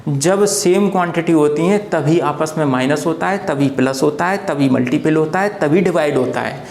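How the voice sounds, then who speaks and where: A man's voice: a little high, moderate pace, gravelly, darkish tone. A man teaching a lesson at a board, who keeps asking questions and answering them himself and repeats each point patiently. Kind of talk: classroom lecture at a board. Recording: echoey room.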